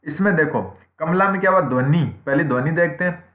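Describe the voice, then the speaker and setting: A man's voice: on the high side, a little fast. A man teaching Hindi grammar in an online exam-prep class, who keeps asking questions and answering them himself and checks in with "theek hai" after nearly every point. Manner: repeats points, asks and answers own questions. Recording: echoey room, tinny phone-like sound.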